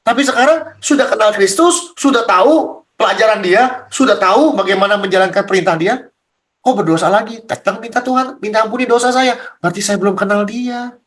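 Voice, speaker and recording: High-voiced man teaching bluntly. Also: a little fast, fairly bright tone. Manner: blunt, colloquial, fires rhetorical questions. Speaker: pastor leading a Bible study. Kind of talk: casual Bible study teaching.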